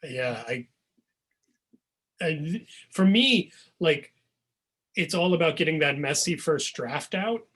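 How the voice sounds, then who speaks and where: A man's voice: on the high side, takes it slowly, pauses often, slightly rough. A man, a novelist guest, talking casually about his writing over a video call, with many ums and restarts. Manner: rambling, relaxed, many ums.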